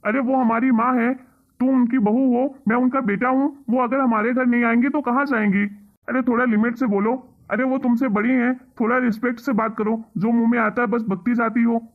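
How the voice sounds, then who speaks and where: A man's voice: very high voice, fairly even intonation, brisk. A man voicing a husband who pleads with his wife and reproaches her, in a cartoon story. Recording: tinny phone-like sound.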